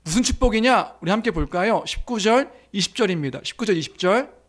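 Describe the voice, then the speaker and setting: Male pastor, high voice, sermon style. Quizzes the congregation and acts out quotes with growing force. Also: expressive, brisk, fairly bright tone. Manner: asks the congregation questions, acts out quoted blessings with rising force.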